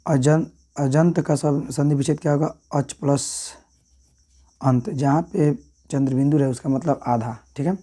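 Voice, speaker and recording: A man's voice: on the high side, fairly even intonation, a little slow, dark tone. A man, talking through exam answers as a teacher in a casual way and often checking in with "thik hai" and "right".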